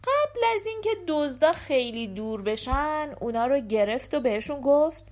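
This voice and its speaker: A woman reads a scripted folk tale aloud with expressive, animated delivery. Her high voice swoops widely as she carries the story forward.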